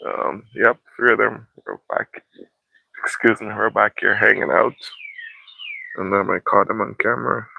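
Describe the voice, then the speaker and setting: A man hosting a casual livestream outdoors, chatting to viewers in an unhurried, repetitive way. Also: lowish voice, fairly even intonation, gravelly, slight background noise. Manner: unhurried, repeats welcomes and phrases. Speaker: livestream host. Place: outdoors in a yard in the morning. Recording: tinny phone-like sound.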